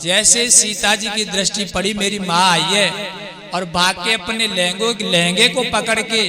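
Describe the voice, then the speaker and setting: A man's voice: sits high, steady tone, a little slow, crowd noise. A male preacher telling a devotional story with sung verses, emotional and addressing listeners as brother. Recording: devotional music behind voice.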